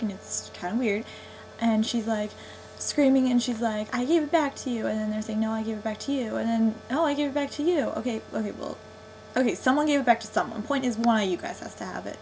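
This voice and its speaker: A woman's voice: mid-range voice, darkish tone, a little hiss or hum, poor audio. A young woman vlogging a casual movie review, sarcastic and exasperated, filling her talk with 'um' and 'like'.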